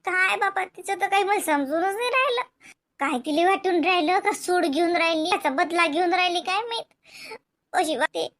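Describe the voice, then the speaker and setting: A woman voicing a caring adult sister in an animated comedy, chattering and fussing with a Varhadi Marathi accent. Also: extremely high pitch, moderate pace. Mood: comforting.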